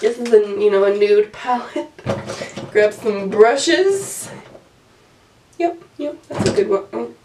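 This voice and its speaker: Playful young woman, slow mock tutorial. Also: fairly high pitch, expressive, far from the mic, noisy background. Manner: playful, mock-instructive, laughing. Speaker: friend doing the challenge. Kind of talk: casual vlog chat. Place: small room at home, indoors.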